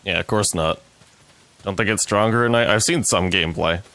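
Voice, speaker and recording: A man's voice: sits low, moderate pace, fairly bright tone. A man giving casual, sweary commentary as he plays a video game. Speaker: let's player.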